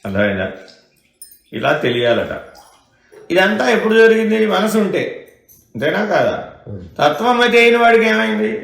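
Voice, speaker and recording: A man's voice: high voice, sing-song, moderate pace, gravelly, pauses often, a bit bright. A man giving a question-and-answer spiritual discourse as a teacher, keeping his listeners engaged with rhetorical questions. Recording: echoey room.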